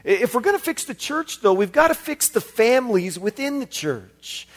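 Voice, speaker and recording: High-voiced impassioned male preacher. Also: big pitch swings, moderate pace. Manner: impassioned, repeating phrases and rising to shouts. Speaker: visiting preacher. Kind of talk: sermon.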